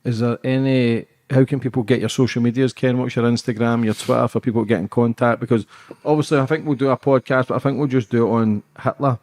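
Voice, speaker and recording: A man hosting a podcast, asking his guest questions in a relaxed, friendly way. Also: medium pitch, fast talker. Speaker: podcast host. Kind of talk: casual podcast interview.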